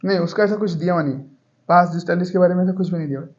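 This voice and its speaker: Very fast and high-pitched, with a darkish tone, a man lectures on biology in Hindi and repeatedly has students call out answers. His voice echoes in the room, and the highs are cut off.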